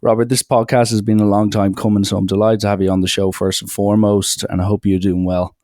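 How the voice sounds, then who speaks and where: A man with a very low, deep voice hosts a casual podcast interview, earnest and a little rambling, full of ums and restarts. The sound is dry and close, with no room echo. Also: little pitch movement, fast, darkish tone. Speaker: podcast host.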